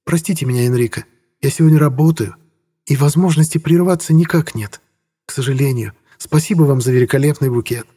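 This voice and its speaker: A man voicing a cool, sharp-tongued businesswoman who speaks coldly and sarcastically. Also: mid-range voice, a little fast, slightly rough, voice pushed up, close to an everyday voice. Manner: cold, sarcastic.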